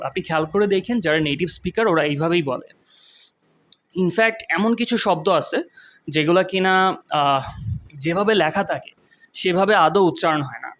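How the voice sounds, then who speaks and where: Young guy teaching english vocab, a bit higher voice, reads examples out slow, lots of "uh"s. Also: a bit bright, a little hiss or hum. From Bangladesh. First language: Bengali. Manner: reads English examples slowly, explains in Bengali with many fillers. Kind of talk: casual spoken lesson.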